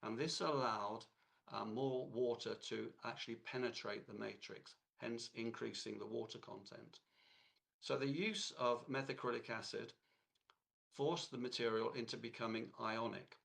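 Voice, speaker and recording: A hoarse man with a cold gives a technical lecture, speaking haltingly with many fillers and restarts. His voice is mid-range and a bit bright, with fairly even intonation.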